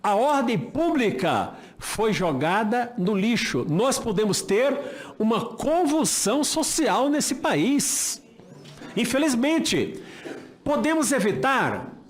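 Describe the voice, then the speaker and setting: Speaking slowly in a high, very animated voice, an older Brazilian former judge addresses a senate hearing. His political speech is impassioned and emphatic, built on rhetorical questions and repeated phrases.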